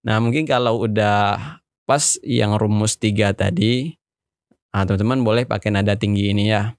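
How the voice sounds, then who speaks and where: A man explaining recitation melody in a relaxed, friendly tutorial way. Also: fairly low pitch, normal speed, dry recording, studio quality. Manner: relaxed, plain, speaks to viewers as friends. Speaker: recitation teacher.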